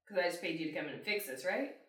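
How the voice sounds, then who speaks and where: A woman interviewing in a relaxed chat, listening closely and asking short questions. Her voice sits a bit low, and it echoes in a roomy space from slightly off-mic. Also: racing, far from the mic. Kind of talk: casual chat.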